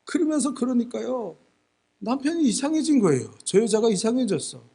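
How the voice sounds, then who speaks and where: Husky, high-voiced male pastor preaching. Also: very animated, brisk, dark tone. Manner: emphatic storytelling, repeats words for stress. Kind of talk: sermon.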